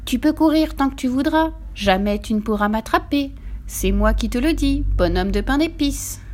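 A woman's voice: on the high side, expressive, moderate pace, a little mellow, voice pushed up, lightly acted. A woman voicing a boastful little gingerbread boy who taunts his chasers in a sing-song way. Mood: taunting.

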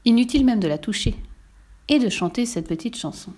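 A wise immortal mermaid from a fairy tale, voiced by a woman reading aloud. She speaks gently and knowingly, just a little higher than the narration. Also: lively intonation, brisk. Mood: reassuring. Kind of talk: storybook reading.

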